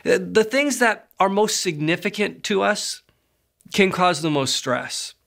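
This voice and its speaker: A man preaches to his congregation with a high, bright and forceful voice. He laughs often, trips over restarts and slips into quick acted-out quotes. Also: animated, creaky. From Southern California. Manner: acts out everyday quotes in asides. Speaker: pastor. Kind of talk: sermon.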